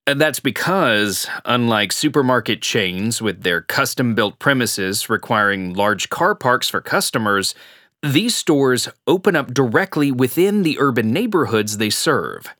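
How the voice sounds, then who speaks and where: Actor as male radio expert guest: articulate, explanatory, mid-pitched with animated intonation, dry studio. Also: a little slow, no room sound. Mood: informative. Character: informative, matter-of-fact male e-commerce expert radio guest. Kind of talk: scripted radio interview.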